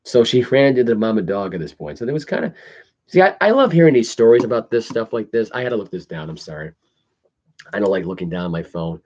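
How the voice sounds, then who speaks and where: Male podcast host, lowish voice, casual news read with halting, stumbling delivery, muffled low-fidelity recording. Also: sing-song, darkish tone. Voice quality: imprecise articulation of longer words. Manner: halting, stumbles over words when reading. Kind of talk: casual news commentary, reading articles aloud. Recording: dull lo-fi audio.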